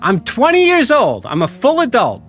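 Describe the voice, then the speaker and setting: A game master voicing a young, defensive desert local in a tabletop game, whiny and quick to take offense. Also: medium pitch, wildly swooping pitch, fairly bright tone, soft background music, voice pushed up. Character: defensive twenty-year-old desert local. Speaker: non-player character in a tabletop game.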